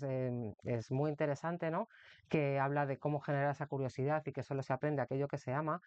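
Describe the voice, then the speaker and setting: A man's voice: fairly high pitch, clean tone, no room sound. A man from Spain, explaining public speaking tips in a recorded lesson, often adding rhetorical questions. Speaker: course instructor for teacher exam candidates. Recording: dry, dull lo-fi recording.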